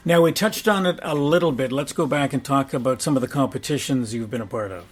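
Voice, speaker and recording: A man asks measured questions as an interviewer. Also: mid-range voice.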